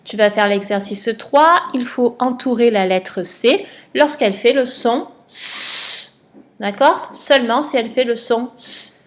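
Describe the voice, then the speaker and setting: A woman's voice: a little high, unhurried. Woman, primary teacher, recorded home lesson, patient, stretches words for dictation.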